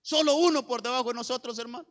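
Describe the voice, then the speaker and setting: A pastor preaches with fervor, often climbing to shouted lines and repeating phrases for emphasis. His voice sits high for a man. It rings with a long echo through a church hall. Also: quick pace. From Honduras. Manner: fervent preaching with rising shouts and call-and-response repetitions. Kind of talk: sermon. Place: church sanctuary.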